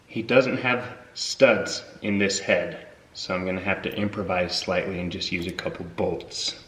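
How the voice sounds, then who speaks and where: A man with a low, deep voice chats to the camera while he wrenches on a project car in a garage. He sounds eager and casual, and his voice drifts nearer and farther from the camera mic as he moves around the work. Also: unhurried, roomy sound, a little hiss or hum. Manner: excited, chatty, talks to camera while working on the car. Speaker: car builder and channel host. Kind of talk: casual garage build vlog.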